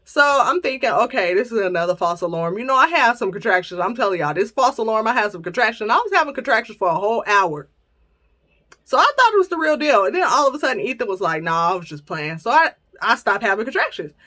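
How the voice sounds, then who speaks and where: A woman's voice: a little high, fast. Chatty thirty-something woman vlogger. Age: 30s. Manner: lively, chatty, playful storytelling. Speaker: channel host. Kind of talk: casual chat to viewers.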